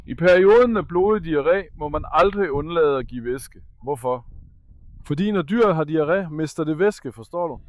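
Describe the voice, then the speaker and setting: A young man caring for a sick puppy on camera, earnest with viewers and coaxing softly with the dog. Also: a little high, expressive, no echo. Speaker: animal caretaker and channel host. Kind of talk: casual vlog explaining care of a sick puppy.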